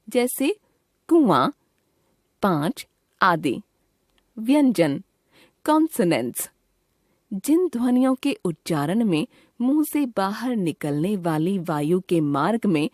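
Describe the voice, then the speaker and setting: A woman delivers a children's grammar lesson at a very unhurried pace, sounding out each letter on its own with a pause after it. Her pitch rises and falls a great deal, and the recording is dry, with no room sound. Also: a little mellow, no echo. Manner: reads out letters one by one with pauses. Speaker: teacher.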